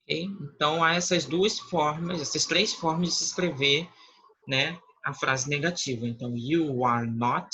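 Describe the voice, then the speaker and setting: A man with a Brazilian Portuguese accent, explaining English grammar in a slow, patient lesson and checking often that students follow. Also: fairly high pitch, pushed and bright, slightly rough, low-quality recording. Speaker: English teacher. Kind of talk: online class explanation.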